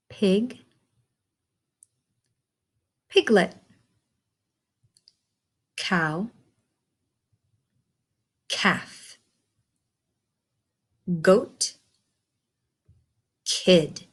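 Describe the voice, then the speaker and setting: In a husky, medium-pitched voice, a woman reads a picture book for children in a plain, careful, instructive manner, posing questions to whoever is listening.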